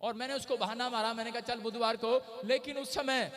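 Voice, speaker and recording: Pastor guy, high voice, jokey sermon, crowd in the background. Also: steady tone, fairly quick. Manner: storytelling, acts out quoted dialogue, frequent "hallelujah" calls. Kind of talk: humorous sermon with anecdotes. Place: large church hall. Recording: reverberant church hall with congregation. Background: congregation responses.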